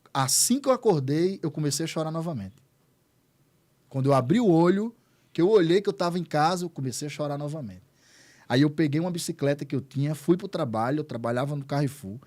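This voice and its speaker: A man's voice: on the high side, dark tone. A man, a pastor, telling his testimony as an interview guest, earnest and repeating words for emphasis. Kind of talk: emotional testimony in conversation.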